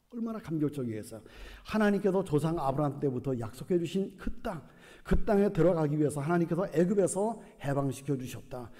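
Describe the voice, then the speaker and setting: Man, pastor, storytelling sermon, mellow tone, reverberant hall. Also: a little high. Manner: storytelling preacher, acts out the dialogue of the text.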